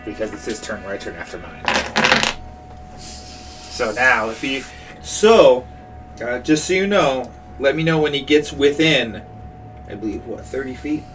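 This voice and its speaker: A man playing a tabletop game, eagerly planning his moves out loud. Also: medium pitch, animated, unhurried, pauses often, recorded from a distance, faint music behind. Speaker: player. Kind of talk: casual game talk.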